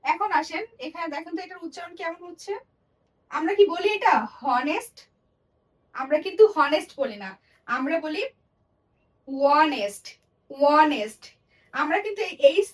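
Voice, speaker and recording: A woman's voice: high voice, recorded from a distance, rough recording. A woman teaching English grammar in a lesson, explaining step by step and repeating example words and sentences.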